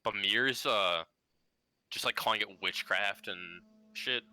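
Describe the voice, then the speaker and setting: A man's voice: fairly low pitch, slow pace, bright, forceful tone, clear, resonant tone, rough recording. A man narrating a tabletop game as game master, in loose speech with a lot of "like.".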